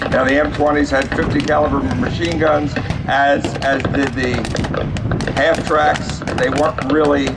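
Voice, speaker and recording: A man giving live explanatory commentary as a reenactment announcer, a bit halting and repeating words. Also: a little high, little pitch movement. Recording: distant PA with loud outdoor noise.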